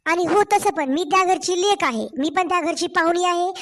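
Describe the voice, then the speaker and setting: A woman voicing an aggrieved young wife and mother in a cartoon story, hoarse from a cold and complaining in a Marathwada Marathi accent. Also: high-pitched, fairly even intonation, fast, close to an everyday voice. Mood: defiant. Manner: complaining, pleading.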